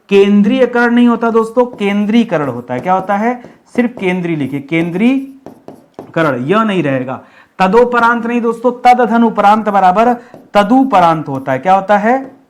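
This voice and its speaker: A young male Hindi teacher giving an exam-prep grammar lesson, asking questions and answering them himself, repeating words slowly and firmly. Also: high-pitched.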